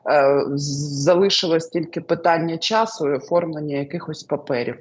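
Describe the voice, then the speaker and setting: A woman's voice: low voice, normal speed, breathy edge. A woman answering questions with predictions, hesitant and filler-heavy, often trailing off into loose lists. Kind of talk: casual spoken predictions.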